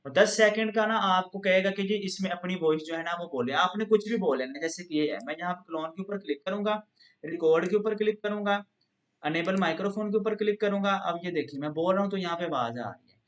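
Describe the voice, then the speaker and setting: A man with a rather high voice walks through a software tutorial one step at a time. He explains patiently and keeps coming back to the same filler phrase. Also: fast, dull audio. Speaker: instructor. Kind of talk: screen-recorded software tutorial.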